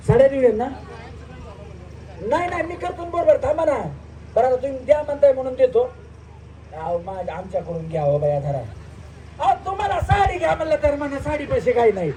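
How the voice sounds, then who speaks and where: A man's voice: extremely high pitch, sing-song, fairly quick, long pauses. A man with a rural Marathi accent hosts a live outdoor village game show, teasing the women players and calling out the game moves in a joking way. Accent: Marathi, rural Maharashtra. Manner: teasing, loud calls, counting out games. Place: outdoor village stage event. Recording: distant outdoor mic, faint noise.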